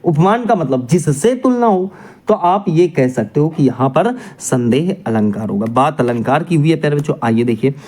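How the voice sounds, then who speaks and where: A man teaching an exam coaching lesson, his voice rising and falling in a wide, animated sweep. He puts questions to the class and answers them himself. He keeps checking in with his students as he goes. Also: on the high side, moderate pace.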